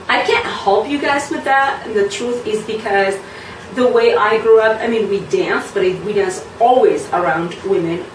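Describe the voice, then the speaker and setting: A woman talks frankly to the camera in a loose, chatty way, often pausing on an um or a you know. Her voice sits at a middle pitch and carries some room echo. She sounds a little back from the mic, with a faint hum behind her. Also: distant mic. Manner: frank, lively, many ums and you knows. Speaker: belly dance teacher. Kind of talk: casual chat to camera.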